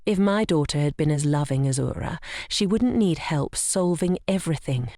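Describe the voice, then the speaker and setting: A woman's voice: low-pitched, animated, normal speed, mellow, dry recording, studio quality. A woman reading as a scornful bitter mother. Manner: cold and belittling.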